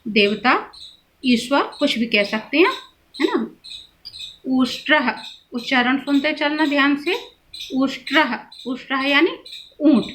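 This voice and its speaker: A woman teacher slowly explaining vocabulary to schoolchildren, patiently repeating each word before giving its meaning. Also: sits high, a bit bright, a little hiss or hum. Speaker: Sanskrit teacher.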